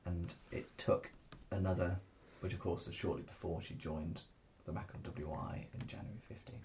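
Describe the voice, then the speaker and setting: Male interviewer: low voice with fry, thoughtful, measured phrasing, slight background rumble. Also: little pitch movement, darkish tone. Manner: measured, tentative, careful phrasing. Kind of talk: thoughtful local history interview. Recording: faint noise with low rumble.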